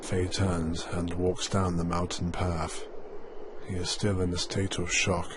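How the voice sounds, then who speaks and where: A man narrates a drama from a script in a very low voice. His delivery is solemn and measured with very little movement in pitch, over faint noise.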